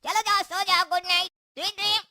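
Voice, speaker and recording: A woman's voice: extremely high pitch, flat delivery, fairly quick, pushed and bright, no echo, clean studio sound, heavily acted. A woman voicing a boastful, cocky young male troublemaker in a cartoon, bragging and teasing. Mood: brash.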